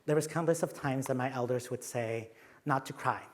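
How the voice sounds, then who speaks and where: At normal speed and in a mid-range voice, a young adult conference presenter from Mexico walks through his slides with a Mexican accent. Playful, self-deprecating asides pepper the talk.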